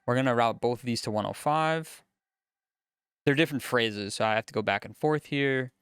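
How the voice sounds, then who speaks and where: A man's voice: medium pitch, normal speed, smooth, dry recording. A man, a music producer, casually talking through a studio session as he works in a music studio. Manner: relaxed, chatty, explains as he works.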